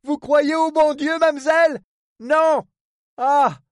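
A gruff, fretful harbor superintendent, as a male narrator puts him on, talks in blunt rustic speech and keeps swearing. The voice sits very high, far above the reader's own. The sound is dry and close. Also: fairly even intonation, slow pace, dry recording. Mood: urgent. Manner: blunt rustic talk, full of oaths. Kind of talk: audiobook character voice.

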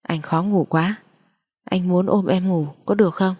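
A woman's voice: lowish voice, fairly even intonation, a little slow, mellow, slightly rough. A woman voicing a pushy, possessive adult man, speaking in an insistent, coaxing way.

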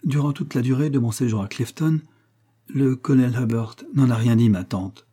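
Brief: earnest young heroine in a storybook reading, pleading and emotional, dark husky tone, played by a man. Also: mid-range voice, normal speed, natural voice. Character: young woman, earnest and lovesick.

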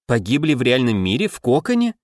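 A man's voice: medium pitch, huge pitch swings, fairly quick, no echo, studio quality. A man voicing a cheeky, feisty young female adventurer in an audiobook. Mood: curious.

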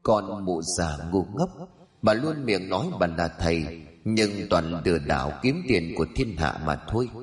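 A man's voice: low-pitched, animated, normal speed, faint music behind, pitched below the performer's own voice. A man voicing a cold vengeful female ghost. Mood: bitter. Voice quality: hushed, eerie, cold.

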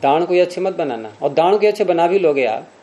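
A mellow, fairly high-pitched man leads a class through a grammar text. He reads lines aloud, then breaks them down slowly and puts questions to his students. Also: animated. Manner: patient, questioning students, slows to spell out examples. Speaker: Sanskrit grammar teacher.

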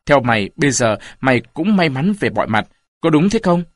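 A man's voice: medium pitch, sing-song, brisk, no room sound, studio quality, natural voice. A man voicing a furious mutinous male pirate who rants and jeers at his rivals. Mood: jeering, furious. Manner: ranting, jeering.

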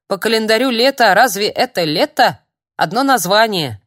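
A woman's voice: sing-song, moderate pace, no room sound, studio quality. A woman voicing a jittery old man who grumbles and then shrieks threats. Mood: agitated. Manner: shrill, spluttering outbursts. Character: nervous old man, shrill and menacing.

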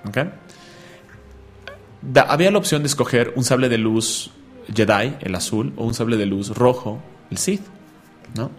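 A man hosts a casual radio show, rambling through stories in a chatty, joking way. His voice sits in an ordinary middle register. Soft music plays faintly underneath. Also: mid-range voice, a little slow, long pauses. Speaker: radio host.

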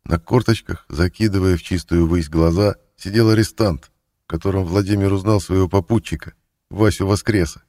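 A man narrating a novel as an audiobook in a steady, measured reading. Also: deep voice, no echo, clean studio sound.

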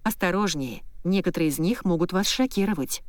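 A woman's voice: on the low side, animated, a little fast, no room sound, lightly acted. A woman voicing an earnest young female office worker who explains the rules seriously, in a dry, close audiobook reading. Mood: brisk. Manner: serious, instructive.

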